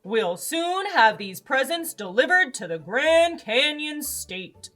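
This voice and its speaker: A jolly old Santa Claus from a children's storybook, acted out by a woman, hearty and blustering. The delivery swings widely in pitch and takes its time, with music playing behind it. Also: sing-song, takes it slowly, sharp tone, heavily acted.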